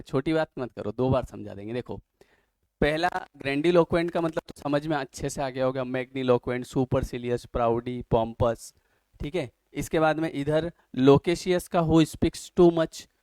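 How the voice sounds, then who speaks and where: A man teaching an English vocabulary class, teasing his students and reading definitions out slowly. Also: medium pitch, a little mellow, no room sound. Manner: joking, teasing students between word lists. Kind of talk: online class lecture.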